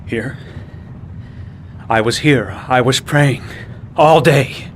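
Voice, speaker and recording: A man's voice: medium pitch, slow pace, a little hiss or hum, close to an everyday voice. An actor playing a fearful religious zealot man who preaches about doom and breaks into frantic screams. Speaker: suspect in a game cutscene.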